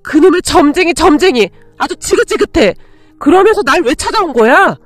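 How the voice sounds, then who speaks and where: A woman's voice: sits high, big pitch swings, a little fast, no echo. A woman voicing a young new mother, bitter and fed up with her own mother. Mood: exasperated. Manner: bitter, exasperated.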